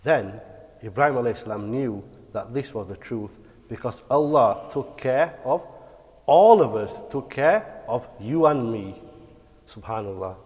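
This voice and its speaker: A man telling religious bedtime stories to children like a kids' show host, animated and encouraging. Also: mid-range voice, a little slow. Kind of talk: dramatic bedtime religious storytelling. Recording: long hall-like reverb.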